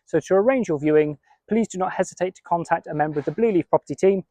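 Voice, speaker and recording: An upbeat male estate agent leads a walking tour of a house and its gardens, chatting directly to the viewer. His voice sits a little high. The recording is dry and close, with little room sound. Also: fast talker, warm tone, dry recording. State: out of breath from the heat. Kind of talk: walking property tour to camera. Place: house and garden, indoors and outdoors.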